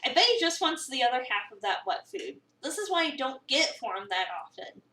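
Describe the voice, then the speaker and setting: Her voice pushed, bright and high-pitched, a woman streamer reads a visual novel aloud with great animation, acting out characters and chatting casually between lines at a slightly fast pace. She sits far from the mic in an echoey room.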